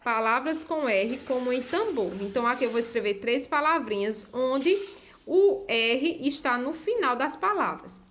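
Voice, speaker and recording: A woman teacher talks young pupils through a workbook page with a patient, repetitive delivery. She stretches out key words slowly so the children can hear each sound. Her voice sits a little higher than most. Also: expressive, fairly bright tone, a little hiss or hum. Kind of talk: explaining a textbook exercise to children.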